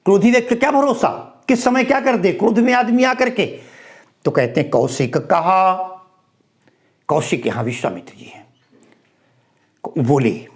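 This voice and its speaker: A man teaching and explaining verses of a religious epic, chanting lines slowly and then explaining them in an expressive way. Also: extremely high pitch. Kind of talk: expository lecture on verse.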